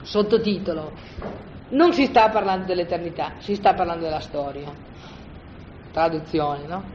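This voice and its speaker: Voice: mid-range voice, normal speed, a little hiss or hum. A Bible study teacher giving an informal, colloquial lecture on scripture to a group, often checking in with "no?". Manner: conversational, keeps asking "no?" to check in with listeners; colloquial, animated explaining with restarts. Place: room with a group of listeners. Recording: roomy, dull lo-fi recording with faint ambience.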